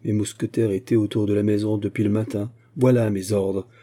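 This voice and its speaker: A man's voice: mid-range voice, completely flat delivery, normal speed, dark tone, breathy edge, close to an everyday voice. A man voicing an indignant veteran musketeer captain who hammers his words and swears. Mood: furious indignation.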